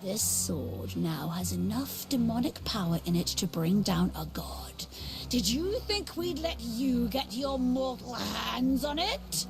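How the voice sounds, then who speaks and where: An imperious demonic villainess for a video game. She is haughty and theatrical, taking her time with menacing, highly varied pitch. Music runs behind her. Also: lively intonation, slow pace, vocal fry, heavily acted. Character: imperious, power-mad female demonic pirate bride.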